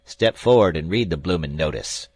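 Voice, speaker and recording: A man voicing a rough, bullying sailor who shouts and jeers, in a storybook reading. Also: deep voice, lively intonation, normal speed. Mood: jeering, shouting. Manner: shouting, jeering. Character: rough, bullying male sailor, loud and coarse.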